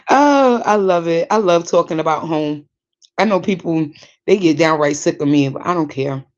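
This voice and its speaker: A woman in her forties with a Brooklyn New York accent, hosting a podcast in casual chat, animated, laughing often and digressing. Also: lowish voice, muffled recording. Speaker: podcast host. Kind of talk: casual chat reading listener comments.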